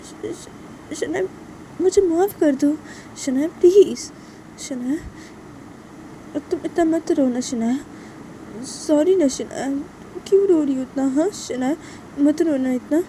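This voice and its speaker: A woman's voice: high-pitched, slow pace, long pauses, mellow, a little hiss or hum, voice pushed up. A woman voicing a remorseful young woman who keeps pleading for forgiveness. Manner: pleading, repeating the other's name.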